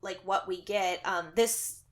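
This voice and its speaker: A young woman talks through a horror movie on a podcast in a loose, rambling way, with lots of 'um' and 'like'. Her pitch sits in the middle, and her tone is relaxed and conversational. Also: measured pace. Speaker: podcast co-host. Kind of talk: casual film review chat.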